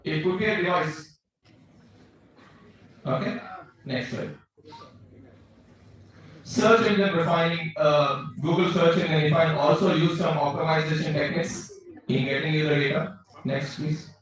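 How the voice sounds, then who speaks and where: A man's voice: fairly high pitch, steady tone, unhurried, pauses often. A man with a South Indian accent giving an instructive slide lecture, often checking that listeners follow. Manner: instructive, checks understanding with short tags. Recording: very echoey room, distant microphone.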